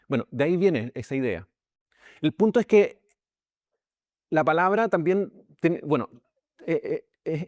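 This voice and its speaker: A pastor teaching a Bible class speaks with a Chilean Spanish accent in a conversational, informal way, checking in with listeners and often restarting and repeating words. His voice is on the high side yet darkish, recorded dry with clean studio sound.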